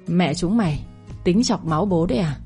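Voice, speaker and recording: A woman voicing a rough, furious young father who snarls crude threats in a story reading. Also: fairly low pitch, animated, moderate pace, a little mellow, soft background music.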